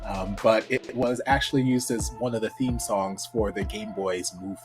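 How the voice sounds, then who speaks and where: A man's voice: lowish voice, fairly even intonation, moderate pace, over music. A man talking casually as a show guest, in a campy, sassy drag queen way. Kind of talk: casual reaction chat.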